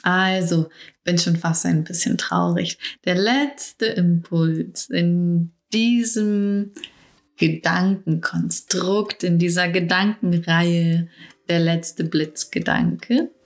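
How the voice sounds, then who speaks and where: Woman, middle-aged, coach, reflective monologue, soft intimate delivery, very slow pace, lowish voice. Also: fairly even intonation, gravelly. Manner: slow, soft and intimate, addressing the listener directly.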